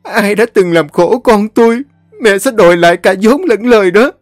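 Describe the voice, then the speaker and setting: Guy doing a weepy older mom, high pleading voice, dry sound. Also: animated, unhurried, a little mellow, no echo, faint music behind. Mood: tearful. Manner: tearful, pleading, raised high voice. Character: older mother, emotional and doting.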